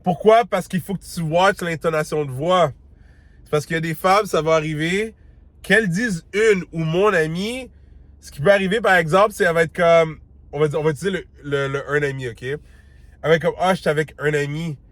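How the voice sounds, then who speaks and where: A talkative dating advice host with a Québécois French accent coaches the listener like a buddy in a casual monologue, using loose slang, dropping in English words, and acting out the lines he quotes. His voice is pitched a little high, fairly bright and fairly quick, with no room sound.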